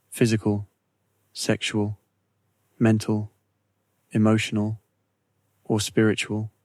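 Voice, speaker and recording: A man with a fairly low voice guides a meditation in scripted narration, keeping his intonation very flat and steady. He delivers each phrase deliberately, leaving soothing pauses. The recording is close and dry, with no room sound and no echo.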